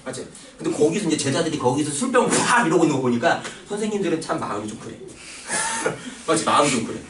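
A man's voice: a little high, huge pitch swings, quick pace. Joking, crude male teacher in an echoey classroom. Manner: joking, coarse slang, keeps asking for agreement. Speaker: math teacher. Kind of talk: casual classroom lecture with teasing. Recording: echoey classroom recorded from far off with noise.

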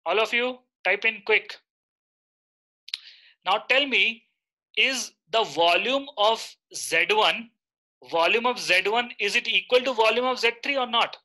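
A man's voice: high-pitched, unhurried, pushed and bright, rough recording. A man in his thirties with an Indian accent, teaching a live online lecture and often checking in with short questions.

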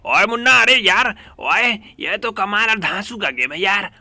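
A man doing a loud bossy cartoon cat. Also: sits high, animated, normal speed, no echo, heavily acted. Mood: excited. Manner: starts lines with "oye", exclaiming.

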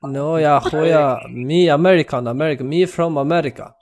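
A young man, streaming a game, loud and teasing as he jokes with strangers over voice chat, recorded on a studio mic in a small room. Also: on the high side, quick pace. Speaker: gaming streamer. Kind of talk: live gameplay banter over voice chat. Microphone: studio mic on arm, headset.

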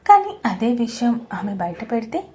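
A woman narrating a scripted audio story in a fairly high voice. Her reading is steady and expressive. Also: a little slow.

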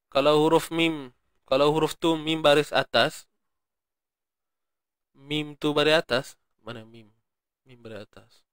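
A man with a Malaysian Malay accent teaching Quran recitation in an online class, chanting examples slowly and explaining in between. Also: fairly high pitch, fairly even intonation, a bit bright, clear, resonant tone, no room sound, studio quality. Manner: demonstrates pronunciation repeatedly, light laughs.

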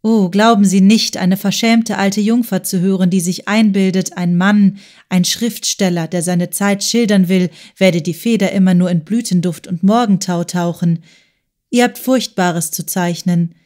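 A woman's voice: medium pitch, steady tone, measured pace, darkish tone, natural voice. A woman voicing a stern, principled middle-aged woman in an audiobook, speaking firmly and reproachfully. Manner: firm, earnest, reproachful. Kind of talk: audiobook character voice.

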